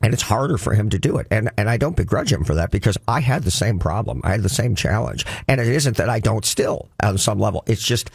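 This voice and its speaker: A man's voice: on the low side, expressive, a little fast, gravelly, few pauses, breathy edge, no echo, studio quality. A middle-aged man hosting a radio show in casual conversation. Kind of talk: casual talk show chat.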